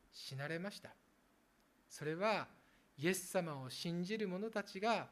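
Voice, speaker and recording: A pastor preaching an earnest sermon to the congregation, turning gently at times to speak to the children. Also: mid-range voice. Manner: lively rises and falls for emphasis.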